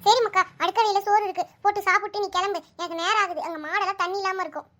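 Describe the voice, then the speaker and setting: Woman voicing a shrill village mother. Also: steady tone, rapid-fire, fairly bright tone. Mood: soothing. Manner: fond, soothing village speech. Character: village mother, caring and hurried.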